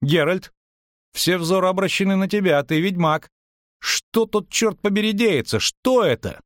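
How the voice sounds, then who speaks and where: A man voicing a cocky, lively young male bard in a storybook, with a high, cheeky voice. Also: a little slow, no echo, studio quality. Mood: bewildered. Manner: bright, cheeky.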